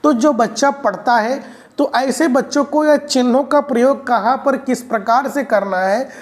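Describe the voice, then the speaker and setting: A high-pitched woman talking at normal speed leads an explanatory video lecture as an exam-prep teacher. She repeats the key points to drill them in, regularly calling her viewers friends.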